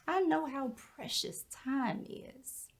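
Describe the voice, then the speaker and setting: Actress playing a proud middle-aged house cleaner. Higher voice, slow and unhurried, with folksy dignity. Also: female voice, expressive, full character voice. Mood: dignified. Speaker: actor performing a stage monologue. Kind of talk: theatrical monologue.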